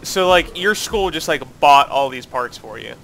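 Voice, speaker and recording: A man's voice: a little high, lively intonation, moderate pace, creaky, rough recording. A man with a stuffy, congested voice, playing a co-op game and joking with his friend in casual banter. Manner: joking, playful, self-mocking. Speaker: co-op gameplay commentator.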